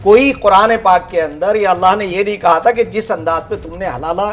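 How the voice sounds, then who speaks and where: High-voiced guy in a tv debate, pushy, keeps talking over people, asks rhetorical stuff. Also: brisk, faint music behind. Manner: insistent, talks over others, rhetorical questions. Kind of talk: heated televised debate.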